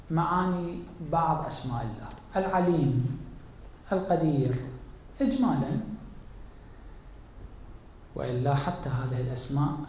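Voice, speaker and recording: A man's voice: mid-range voice, slight background noise. Man lecturing in a very echoey hall. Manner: deliberate, halting, asks and answers own questions; swings between raised emphatic and hushed tones. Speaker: cleric teaching Quran exegesis. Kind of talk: religious lecture.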